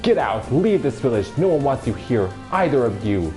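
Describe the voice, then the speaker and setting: A loud, sneering village bully boy hurling taunts, as a male narrator voices him. His lines are pitched above the narrator's own, and a faint music bed hums underneath. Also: sing-song, normal speed, close to an everyday voice. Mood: furious. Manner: jeering and taunting.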